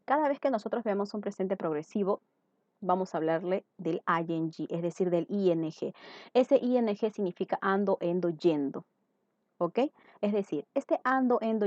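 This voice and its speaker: A woman's voice: mid-range voice, darkish tone, dry recording. A woman English teacher giving a recorded grammar lesson, patient and repetitive, often checking that her students follow. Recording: dull, dry lo-fi recording.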